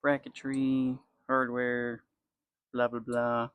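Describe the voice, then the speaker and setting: A man's voice: medium pitch, completely flat delivery, slow, heavy background noise. A young man casually narrating a car repair in his garage, swearing and muttering to himself as he works. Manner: swears freely, muttering and complaining while wrenching. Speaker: garage channel host. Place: home garage.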